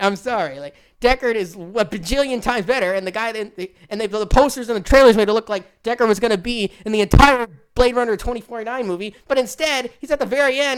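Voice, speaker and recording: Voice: mid-range voice, clear, resonant tone. A young adult film vlogger giving a casual, heated rant, swearing and repeating points, with short laughs in between.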